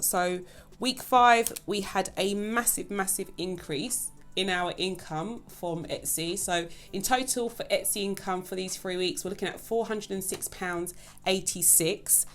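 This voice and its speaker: With a medium pitch and a fairly bright tone, the woman behind a budgeting channel chats casually to her audience. She's talkative and repeatedly refers to her viewers as "guys."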